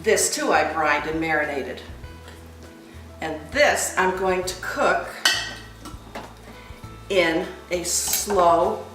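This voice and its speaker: A woman hosting a cooking demonstration, explaining each step in a chatty, unhurried way. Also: lowish voice, recorded from a distance. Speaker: cooking host. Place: kitchen. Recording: echoey kitchen, from afar, light music.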